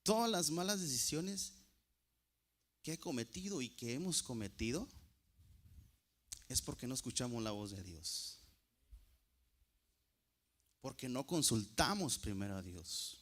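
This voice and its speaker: A man preaching a sermon to a congregation, calling them brothers and repeating key phrases slowly for emphasis. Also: mid-range voice, lively intonation.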